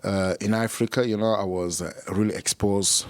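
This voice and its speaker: A man from Cameroon, a guest musician, answering interview questions haltingly with many fillers and restarts. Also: fairly low pitch, steady tone, no echo.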